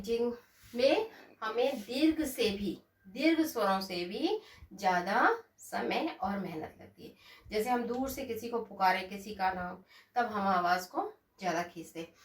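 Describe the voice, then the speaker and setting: A woman teacher giving a lesson, reciting slowly and pausing often to check in with her students. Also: a little high. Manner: slow, drawn-out recitation with frequent check-ins. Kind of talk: classroom lesson. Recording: echoey room, voice from a distance.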